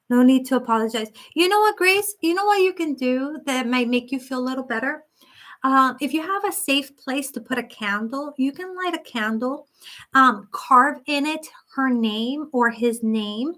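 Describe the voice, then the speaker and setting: A woman hosting a psychic live stream, reading viewer comments aloud and answering them gently and sympathetically in loose, casual talk. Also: high-pitched. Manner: talks in loose, restarting sentences with many fillers.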